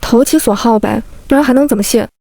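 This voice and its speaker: A woman's voice: on the high side, quick pace, vocal fry, dark tone, dry recording. A woman voicing a cocky, sarcastic young male school bully in a storybook reading, teasing and mocking.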